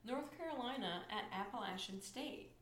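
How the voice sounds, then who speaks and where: A woman's voice: a little high, animated, moderate pace, fairly bright tone, a little hiss or hum. Chatty woman co-host in echoey room. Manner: chatty, playful, exclaims prices. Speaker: podcast co-host. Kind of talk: casual sports chat. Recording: echoey room, faint ambience.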